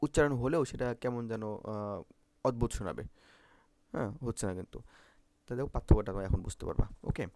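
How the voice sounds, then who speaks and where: A man's voice: mid-range voice, expressive, fast, gravelly, pauses often, darkish tone, no echo. A man teaching Bangla phonetics for exam prep, repeating vowel sounds and often checking if students follow.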